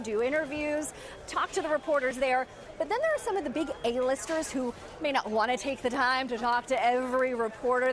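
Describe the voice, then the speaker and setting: Woman, American accent, high voice, live TV reporter, entertainment news, chatty explaining. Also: a bit bright. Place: outdoors on a covered red carpet.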